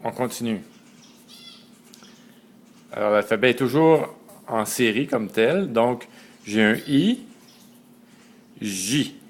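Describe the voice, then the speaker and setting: A man, slowly and methodically teaching a writing system letter by letter. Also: medium pitch, lively intonation, a little hiss or hum. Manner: slow and methodical, spelling out letters one by one. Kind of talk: step-by-step lesson.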